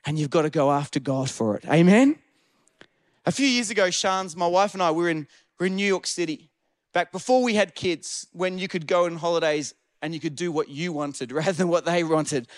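A man's voice: a little high, a little fast, dry recording, studio quality. A young man preaching as a guest pastor, telling a story and rising into fervent calls to the congregation. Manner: energetic preaching, rising to shouts, asks the crowd "Amen?". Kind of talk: sermon with storytelling. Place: church auditorium.

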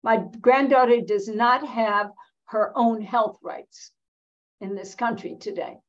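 An elderly American woman, seventies or older, speaking as an interview guest in a reflective, emphatic, deliberate way with pauses mid-sentence, on a slightly dull recording. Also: a little high. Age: 70s or older. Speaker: interview guest, veteran feminist activist.

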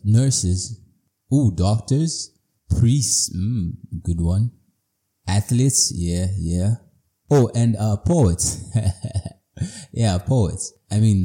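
A man's voice: low-pitched, mellow. A man from Zimbabwe, hosting a podcast in a reflective personal monologue, playful and self-mocking. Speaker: podcast host.

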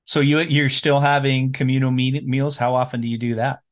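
A man with a medium-pitched voice hosts an informal interview. He sounds conversational and chatty, phrasing things as he would in everyday talk. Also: flat delivery, brisk. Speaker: podcast host.

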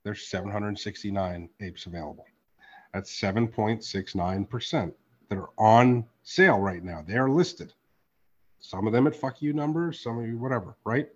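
Animated, profane man on a podcast. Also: moderate pace, muffled recording. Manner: animated, profane, swings from loud outbursts to low asides. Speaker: podcast host and card artist. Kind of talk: casual podcast chat.

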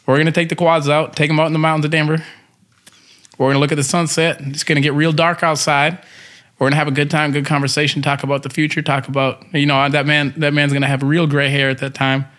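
A man's voice: on the high side, level tone, quick pace, a bit bright, natural voice. A man voicing an easygoing cowboy rancher with a folksy twang and drawl. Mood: folksy, dreamy. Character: easygoing male cowboy rancher dreaming of country life.

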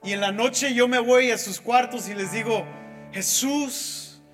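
A pastor preaching a sermon, telling a story slowly and with emphasis, now and then switching into English. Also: extremely high pitch, steady tone, fairly bright tone. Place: church hall. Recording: echoey church hall with faint music.

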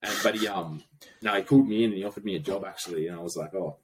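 A man's voice: deep voice, rapid-fire, background noise. A young man with a broad Australian accent, a podcast guest chatting in a blokey, slangy, informal way. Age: young adult. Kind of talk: casual chat.

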